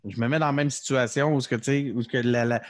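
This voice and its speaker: A man with a Quebec French accent hosts a casual current-affairs chat, hesitating and filling gaps as he thinks. His voice sits at a middle pitch for a man. The sound is dry and close. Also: fairly even intonation, fast talker, no room sound. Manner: hesitant, many fillers. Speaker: podcast host.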